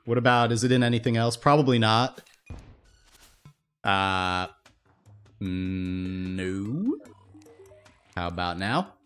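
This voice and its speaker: Hoarse young man rambling over game music. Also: on the low side, expressive, takes it slowly, pauses often, a bit bright. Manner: rambling, self-interrupting, upbeat. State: losing his voice. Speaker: gaming YouTuber. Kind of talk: casual let's-play commentary. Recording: faint game music behind.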